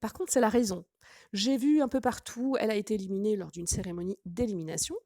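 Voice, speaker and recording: A woman's voice: medium pitch, fast talker, warm tone, dry recording, clean studio sound. A woman hosting a gossip channel, commenting casually with sarcastic, teasing asides.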